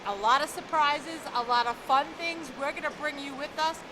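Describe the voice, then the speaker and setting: A woman's voice: sits high, normal speed, background noise. A woman from New York with a New York accent, chatting casually to her viewers as a travel vlogger. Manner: chatty, keeps addressing viewers as "guys". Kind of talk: casual vlog chat. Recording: loud music playing under the voice. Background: loud music.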